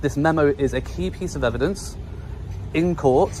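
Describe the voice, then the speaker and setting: A man's voice: on the high side, moderate pace, darkish tone, slight background noise. A British man filming police outside a station, arguing insistently with officers out on a city street, recorded on a handheld camera. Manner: insistent, argumentative. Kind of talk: heated street argument.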